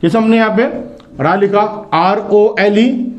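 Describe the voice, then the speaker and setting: Male phonics teacher, higher-pitched voice, patient letter-by-letter drilling. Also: steady tone. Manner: spells words letter by letter, repeats each sound slowly. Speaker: English teacher. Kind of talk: classroom phonics lesson.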